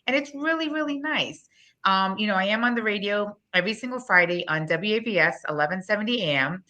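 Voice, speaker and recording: Being interviewed about her business, this woman in her forties from Guyana delivers a promotional pitch in an animated, sharp, mid-range voice. She's blunt and emphatic, her words pouring out quickly in a Guyanese accent.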